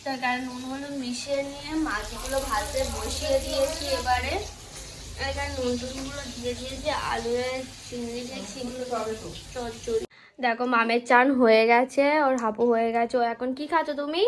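A woman's voice: high voice, fairly even intonation, fairly quick, background noise. A young woman from West Bengal with a sore throat and stuffy nose, chatting casually to viewers as she cooks and cares for her daughter at home. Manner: chatty, narrating chores to viewers. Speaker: vlogger and mother. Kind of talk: casual home cooking vlog. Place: home kitchen, indoors.

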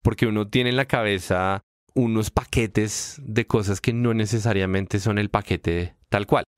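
A man co-hosting a casual podcast, explaining ideas with emphatic rises in pitch. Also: unhurried, no room sound, clean studio sound. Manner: explanatory, animated pitch jumps when stressing points. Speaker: podcast co-host.

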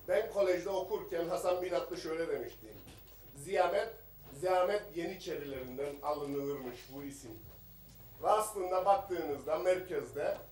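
A man's voice: fairly high pitch, darkish tone, recorded from a distance, slight background noise. A man giving a combative parliamentary speech at a rostrum microphone, firing rhetorical questions at the minister. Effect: speaking at a rostrum microphone in an assembly hall. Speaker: member of parliament. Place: parliament chamber. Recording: echoey chamber, voice a bit off the mic.

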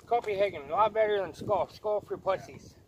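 A man's voice: sits high, a little fast, muffled recording. A man chatting casually and crudely through a lip full of dip, repeating himself as he reviews a product outdoors. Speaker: co-host of dip review show. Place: outdoors in a gravel lot by woods. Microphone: camera a few feet away. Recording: noisy outdoor camera audio.

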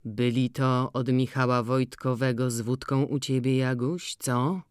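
A woman voicing an old farmer who talks slowly and deliberately. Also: fairly even intonation, smooth, no echo, studio quality. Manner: slow, measured, low-key.

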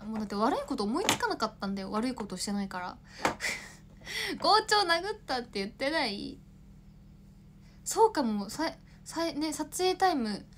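High-voiced chatty young woman livestreaming. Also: a bit bright, a little hiss or hum. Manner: chatty, rambling, often laughing, answers viewer comments. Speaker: idol livestreaming to fans. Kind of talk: casual livestream chat.

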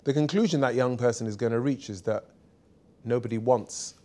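A man's voice: mid-range voice, a little fast. A man in his forties, a barrister, speaking candidly and emphatically as an interview guest in a small studio. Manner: emphatic, candid, lively anecdotes. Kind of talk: seated conversational interview. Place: small bright studio set.

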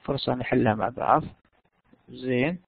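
A man's voice: medium pitch, normal speed, creaky, breathy edge, dry recording. A man teaching an online English lesson, explaining step by step and answering his own questions. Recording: dry tinny phone-like line.

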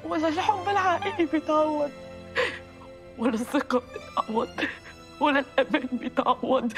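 A woman's voice: sits high, steady tone, moderate pace, natural voice. An actress playing a heartbroken woman betrayed by her husband, speaking in tears with an Egyptian accent. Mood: tearful. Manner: tearful, despairing. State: crying. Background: music score.

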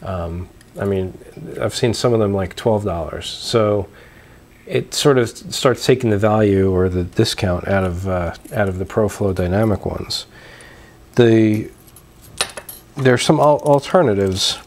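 A man's voice: on the low side, measured pace. Young man demoing gear on a lapel mic. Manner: relaxed, explanatory, frequent fillers and restarts. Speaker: homebrewing video host. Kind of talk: casual show-and-tell demonstration. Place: small dim room at home, indoors.

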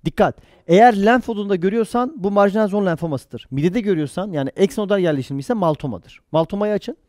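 Male lecturer for exam prep: high-pitched, recorded dry and close, quizzes students and answers his own questions. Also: fast talker, no echo. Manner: lively, jokey asides with mnemonics. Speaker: pathology lecturer.

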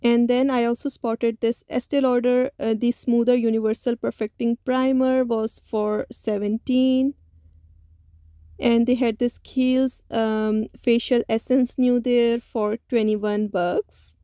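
A woman narrating a store shopping video in a voice-over, speaking slowly. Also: a little high, flat delivery, warm tone, clean tone, no echo, clean studio sound. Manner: slow, listy, with many "uh" pauses. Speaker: shopping vlogger.

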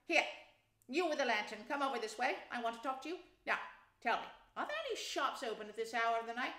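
A woman acts out a storybook water rat, a hearty gentleman who likes to take charge. He talks in brisk orders and exclamations, high and bright, with a roomy echo around him. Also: lively intonation. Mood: brisk, commanding. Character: hearty, masterful male water rat, bossy and generous. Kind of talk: children's storybook character reading.

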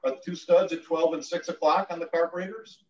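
A man joining a technical call, adding suggestions and asking quick follow-up questions. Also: fairly high pitch, steady tone, a little mellow, slight background noise. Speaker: guest. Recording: distant, roomy, dull video call audio.

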